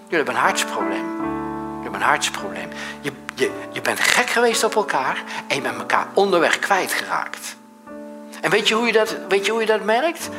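Man, middle-aged pastor, sermon, anecdotal, loud-to-soft swings, music underneath. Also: on the high side, sing-song, moderate pace.

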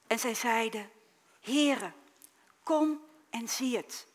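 A woman preacher giving a sermon, reading the Bible story dramatically with sudden loud cries and soft, quiet drops. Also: fairly high pitch, slow.

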